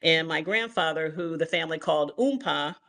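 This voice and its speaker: An older woman from Ohio giving an online history lecture as guest author, measured and filled with ums and uhs. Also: sits low, a bit bright. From Toledo, Ohio, US. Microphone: video call.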